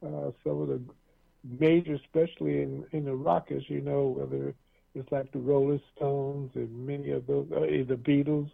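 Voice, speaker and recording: Vocal fry colors this man's medium-pitched, flat delivery as he hosts a radio talk show at a moderate pace. Easygoing and rambling, he restarts often, uses many fillers, and chuckles a lot during the casual interview, heard through tinny lo-fi audio.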